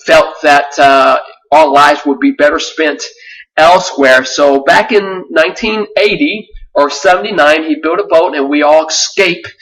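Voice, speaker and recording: A man in his forties from Vietnam, giving an earnest sales-pitch webinar with frequent fillers and restarts. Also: fairly bright tone, distant mic, low-quality recording. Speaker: webinar presenter.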